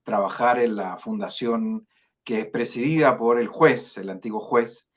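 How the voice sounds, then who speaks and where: This online interview guest, a Chilean man who directs a foundation, has a medium-pitched voice. His delivery is careful and halting, peppered with fillers and restarts, and the sound quality is lo-fi.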